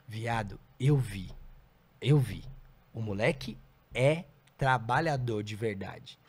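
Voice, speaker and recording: A man's voice: lowish voice, animated, slow, breathy edge. A man telling blunt, profanity-filled stories in a casual podcast chat. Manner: blunt, profane, heated storytelling. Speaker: comedian guest.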